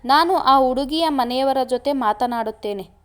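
A woman's voice: sits high, unhurried, clear, resonant tone. A woman voicing a pleading young boyfriend. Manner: coaxing, protesting. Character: young man, fond, defensive boyfriend.

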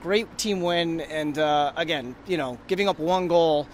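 A man's voice: on the high side, unhurried, a little hiss or hum. A man in his thirties, a hockey reporter, giving hesitant, casual post-game analysis rinkside in an empty arena, picked up on a phone. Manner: hesitant, lots of restarts. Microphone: host's phone at arm's length.

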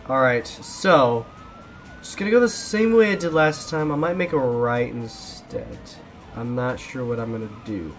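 A man's voice: fairly high pitch, slight background noise. A young man giving casual gameplay commentary while driving from police, often repeating himself when things go wrong. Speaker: gaming YouTuber.

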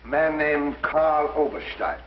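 An actor playing a dutiful police inspector with an English accent, formal, earnest and a little hesitant, in a 1950s mystery drama. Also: male voice, on the high side, a little slow, a little hiss or hum, close to an everyday voice. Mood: matter-of-fact. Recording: dull 1950s soundtrack with music.

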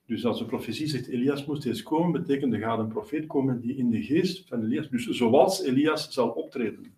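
Priest preaching in an echoey church. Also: male voice, mid-range voice, a little mellow. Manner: explanatory, halting with many fillers and restarts. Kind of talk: sermon. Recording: roomy echo, voice from a distance.

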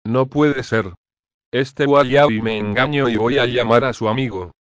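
A male synthetic voice playing a strict schoolteacher with a formal, flat delivery. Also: mid-range voice, moderate pace, no echo, highs cut off, lightly acted. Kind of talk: text-to-speech cartoon fan video.

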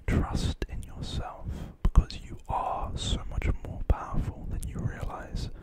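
A young man whispers a pep talk right up against a studio microphone. His voice is all breath, with no tone behind it. He rambles gently and reassuringly, like someone sharing ASMR affirmations. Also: measured pace. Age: 20s. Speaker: ASMR creator. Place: small quiet bedroom. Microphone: close large studio microphone on desk.

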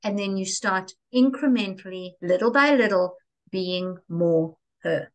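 A woman speaking as a guest in an interview, expressive and theatrical, with lively emphasis on key words. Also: mid-range voice, a little slow. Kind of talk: enthusiastic interview conversation.

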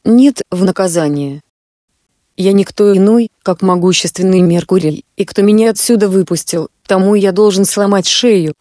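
A woman narrator puts on a boastful male spirit of a fairy tale who threatens and then pleads. The voice is warm and soft rather than bright. It sits in a dry, close recording. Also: medium pitch, normal speed, no room sound, lightly acted. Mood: menacing.

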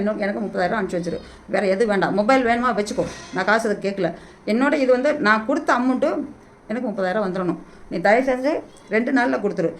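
A middle-aged woman vlogging into a hand-held phone, making an emotional, repetitive plea to be paid back. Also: medium pitch. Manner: pleading, repetitive, rapid-fire and agitated. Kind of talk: emotional direct-to-camera plea.

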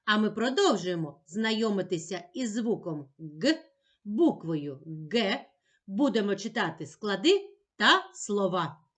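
A woman teaching a slow, clearly articulated literacy lesson to young children in a gentle, sing-song manner. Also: medium pitch, big pitch swings. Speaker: primary school teacher.

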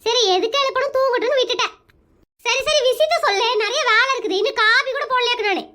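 A sharp-tongued village housewife, as a woman voices her in a cartoon, speaking. Her voice is very high and bright. She talks in a brusque, scolding way, with little patience. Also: fast. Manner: brusque, scolding, matter-of-fact. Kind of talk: cartoon comedy voicing.

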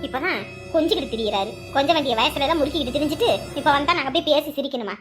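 A woman voicing a sharp-tongued, hard-working village wife and mother, quick with dismissive retorts. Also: sits high, music in the background, close to an everyday voice. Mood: bitter.

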